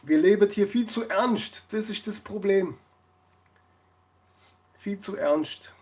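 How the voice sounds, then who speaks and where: Man, casual live-stream storyteller, laughs often, somewhat high voice. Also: slow, darkish tone.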